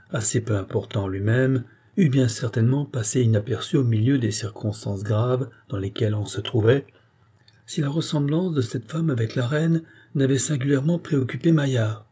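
Male audiobook narrator, steady measured reading, mellow raspy tone. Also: medium pitch. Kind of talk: scripted narration.

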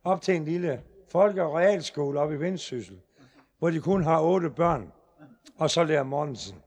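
Brief: male comic storyteller, high voice, punchy, lively.

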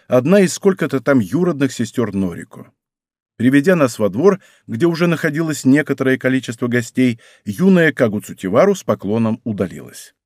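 A man narrating a first-person story as an audiobook, in an expressive, conversational way. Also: mid-range voice, dry recording, studio quality.

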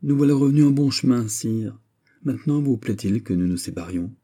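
A man's voice: mid-range voice, expressive, brisk, warm tone, pitched above the performer's own voice, close to an everyday voice. A man voicing a witty young princess who teases with arch, knowing remarks in an audiobook reading. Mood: lightly. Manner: arch, lightly mocking, knowing.

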